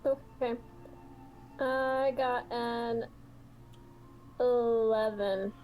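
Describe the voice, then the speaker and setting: Slow-talking woman tabletop player. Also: on the high side, fairly even intonation, a little mellow, faint music behind, rough recording. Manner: unhurried, descriptive, giggly. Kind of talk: casual tabletop play.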